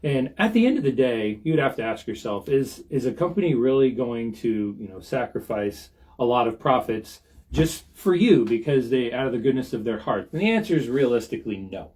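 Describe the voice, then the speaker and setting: A man's voice: mid-range voice, lively intonation, a little fast, a little mellow. A man with an American accent co-hosting a show as a lender, giving conversational, folksy advice to viewers. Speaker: show co-host and mortgage lender.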